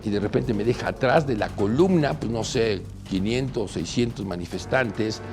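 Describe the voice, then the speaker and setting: Mexican man, anecdote monologue, gravelly voice, faint music underneath, lively storyteller. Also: fairly low pitch, moderate pace. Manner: animated storytelling, acts out the voices of others.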